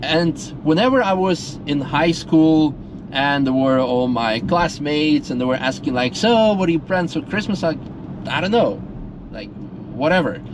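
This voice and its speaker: A man's voice: a little high, animated, measured pace, background noise. A man from Russia speaking earnestly in a casual, rambling monologue full of fillers and restarts. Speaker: vlogger.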